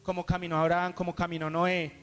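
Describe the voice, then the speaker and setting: High-voiced preacher man in a reverberant hall. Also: little pitch movement, fast talker, smooth. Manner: earnest storytelling preaching with frequent restarts. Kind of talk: sermon. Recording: reverberant hall with soft guitar music.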